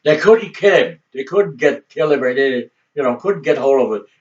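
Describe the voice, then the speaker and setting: An older man, a grandfather, telling family history in halting oral storytelling, restarting and repeating words as he goes. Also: mid-range voice, expressive, darkish tone. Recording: distant, dull lo-fi home recording.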